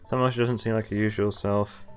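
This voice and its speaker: A man with a lowish, fairly monotone voice talks quickly while streaming a visual novel, reading the dialogue aloud and reacting in a casual, jokey way with some swearing. Game music plays beneath his voice.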